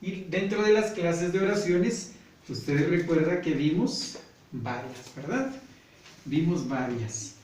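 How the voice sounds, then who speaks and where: A man with a Guatemalan Spanish accent teaching a grammar lesson slowly and patiently, often checking in with "¿verdad?". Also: fairly high pitch, expressive, a little mellow. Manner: patient, repeats points, often asks "¿verdad?". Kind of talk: slow classroom grammar lesson. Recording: echoey room, voice from far off, faint noise.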